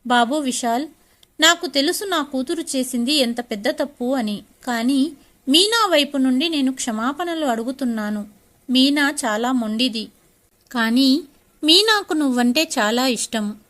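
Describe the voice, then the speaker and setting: A woman's voice: sits high, expressive, unhurried, fairly bright tone. A woman voicing a stern, ashamed middle-aged father in a story, speaking reproachfully.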